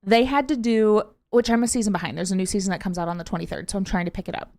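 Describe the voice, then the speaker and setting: A woman co-hosting a podcast, telling stories in a rambling, excitable way and jumping between tangents. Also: medium pitch, racing. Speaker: podcast co-host. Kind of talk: casual chat.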